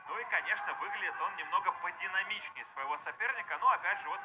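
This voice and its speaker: A man's voice: sits high, expressive, quick pace, music in the background. A man hosting a live MMA broadcast as commentator, adding analysis of the fighters. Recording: noisy live arena broadcast.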